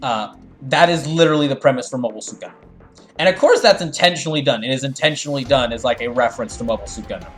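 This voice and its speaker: Speaking rapid-fire with lively intonation, a medium-pitched man hosts a live fandub over faint music. His casual commentary mixes chat with viewers and game dialogue readings, and his explanations wander, often starting over partway through.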